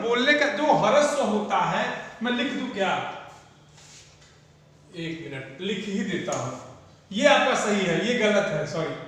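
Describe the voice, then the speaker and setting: A man teaches an online class. His voice is very high and bright, and he speaks slowly. He keeps asking his pupils questions again and again, and he sounds distant in an echoey room. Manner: patient, repeats questions to pupils, calls them son. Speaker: school Hindi teacher. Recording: echoey room, voice far from mic.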